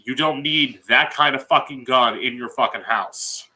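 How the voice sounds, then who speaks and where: Bright, forceful American man, slow deliberate pace. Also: medium pitch. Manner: blunt, emphatic, frequent swearing. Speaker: drag queen podcast host. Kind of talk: opinionated solo commentary.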